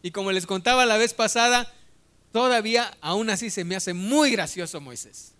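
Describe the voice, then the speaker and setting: A man's voice: high-pitched, moderate pace, sharp tone. A man preaching a sermon, retelling a Bible story in a conversational, humorous way.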